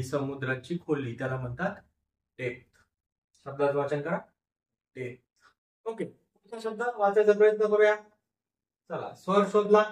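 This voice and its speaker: A man teaching a phonics lesson, sounding out English words slowly, syllable by syllable, and repeating each one. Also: a little high, distant mic. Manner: slow, repetitive syllable-by-syllable sounding out. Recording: echoey room, voice from off the mic.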